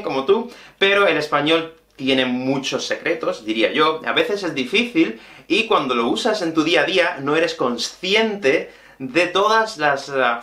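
A Spanish teacher and video host in his thirties from Spain, with a Peninsular Spanish accent and a fairly high voice, teaches a language lesson to camera. He is expressive and explanatory, addressing viewers directly from a small indoor room with a whiteboard and bookshelf, and the recording echoes.

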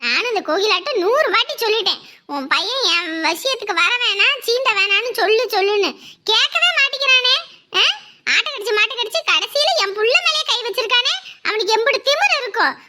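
A woman's voice: extremely high pitch, lively intonation, fairly quick, pushed and bright, full character voice. An actress playing an angry, protective middle-aged village mother who rants indignantly, in a web drama. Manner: indignant, ranting.

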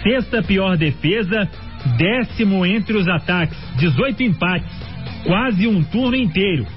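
A Brazilian man giving a steady, informative football report on the radio. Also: high voice, a little slow. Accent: Brazilian Portuguese. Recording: dull radio broadcast with faint music.

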